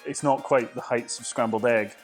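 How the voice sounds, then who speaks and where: A man's voice: mid-range voice, steady tone, moderate pace, over music. A man, a guest on a cooking show, chatting casually and joking while tasting food. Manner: joking, easygoing. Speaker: guest learning to cook. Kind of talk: casual chat.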